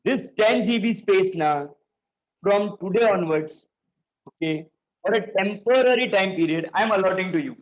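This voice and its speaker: A man's voice: sits high, moderate pace, low-quality recording. Male teacher, storytelling classroom lecture. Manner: storytelling, coaxing, checks understanding often.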